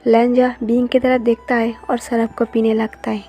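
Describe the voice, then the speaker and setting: A woman narrating a fan fiction love story in an even, steady reading voice. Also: a little high, normal speed. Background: faint background music.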